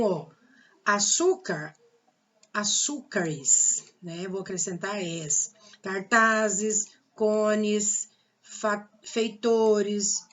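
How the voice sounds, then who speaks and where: A woman's voice: medium pitch, lo-fi sound. A woman teaching a grammar lesson with a Brazilian Portuguese accent, patiently repeating the rules and asking rhetorical questions.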